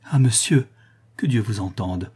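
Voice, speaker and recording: A man's voice: on the low side, measured pace, warm tone, slightly rough. A man voicing a desperate young woman in an audiobook, crying out in anguish. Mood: grieving. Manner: pleading, anguished cries. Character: desperate young woman, daughter of a ruined artisan. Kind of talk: audiobook character reading.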